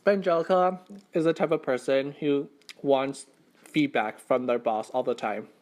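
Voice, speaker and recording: A man's voice: medium pitch, steady tone, normal speed, a little mellow. A young man telling a story in a casual, conversational mukbang style, circling back and rephrasing, with lots of "like". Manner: conversational, repeats and rephrases himself, heavy use of "like". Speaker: mukbang vlogger. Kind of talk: casual storytime chat while eating.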